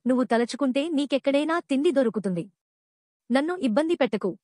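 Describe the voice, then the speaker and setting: A woman's voice: sits high, lively intonation, a little fast, mellow, dry recording, studio quality. A woman voicing a frightened mother dove who pleads to protect her chicks in a children's story. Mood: pleading.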